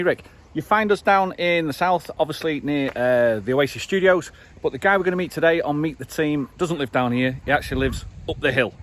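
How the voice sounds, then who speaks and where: An upbeat male interviewer who talks quickly and keeps the chat moving. His voice sits slightly high for a man. There is faint noise in the background. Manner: upbeat and enthusiastic, quick-fire. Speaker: online radio show host. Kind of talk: casual interview.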